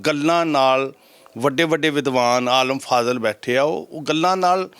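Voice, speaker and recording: Measured male Sikh preacher. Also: medium pitch, fairly bright tone, clean tone, no room sound. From Punjab, India. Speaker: head granthi, interview guest. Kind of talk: religious interview answers.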